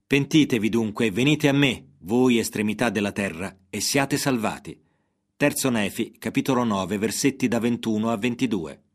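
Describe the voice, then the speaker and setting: A man narrating a religious parable and scripture references in a measured, even reading voice. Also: on the low side.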